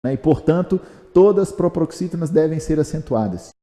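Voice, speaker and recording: A man's voice: fairly high pitch, lively intonation, brisk, warm tone, in a large hall. A Brazilian man teaching chemistry in a chatty video lesson, asking himself questions and answering them, with jokes at his own expense. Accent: Brazilian Portuguese. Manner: jokey and self-mocking. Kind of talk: video lesson explaining step by step.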